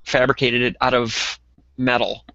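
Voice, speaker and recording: A man's voice: mid-range voice, completely flat delivery, a little slow, gravelly, sharp tone, dry recording, highs cut off. A man co-hosting a casual podcast over a call, chatting loosely with lots of ums and restarts. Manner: conversational, many ums and restarts. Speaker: podcast co-host.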